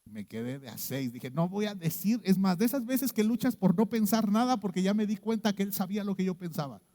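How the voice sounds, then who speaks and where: A man with a Mexican Spanish accent preaching a sermon as a pastor, telling a story and dropping low and hushed when he mimics someone, often checking in with "¿sí?". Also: expressive, a little fast, in a large hall.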